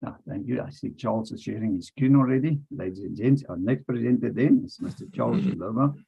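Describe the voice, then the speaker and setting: A man's voice: mid-range voice, a little fast, creaky, husky. A man moderating an online panel over a group voice chat, courteous and chatty as he introduces speakers and apologizes for technical trouble. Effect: group voice chat audio. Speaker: webinar moderator. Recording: dull lo-fi call audio.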